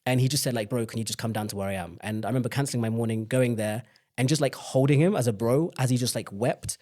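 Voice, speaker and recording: A young British man with a dark-toned, mid-range voice talks fast as a podcast guest. He tells personal stories openly and reflectively in a candid conversation, restarting his sentences often.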